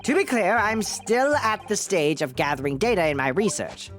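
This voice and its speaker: A man voicing an excitable, self-important scientist professor from a video game, fussy and quick to get flustered. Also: sits high, faint music behind, voice pushed up. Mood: pompous, earnest. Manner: pompous, fussy, stammering when flustered. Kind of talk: video game dialogue read aloud.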